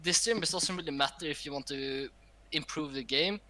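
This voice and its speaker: Man, bright slightly high voice, opinionated panelist in casual chat. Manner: opinionated, loose, drawn-out phrasing. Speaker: talk show panelist.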